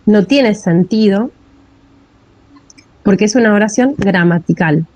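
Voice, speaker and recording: A woman's voice: mid-range voice, a little slow, darkish tone, low-quality recording. A woman with a Rioplatense Spanish accent giving a classroom lecture on linguistics, often checking in with a rising "¿sí?". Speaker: teacher.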